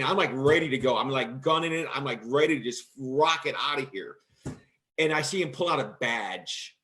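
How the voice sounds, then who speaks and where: A man hosting a casual chat show, telling stories in an animated way and acting out quotes loudly. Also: fairly high pitch. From Michigan, USA. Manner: animated, acts out quotes in a loud voice. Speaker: host.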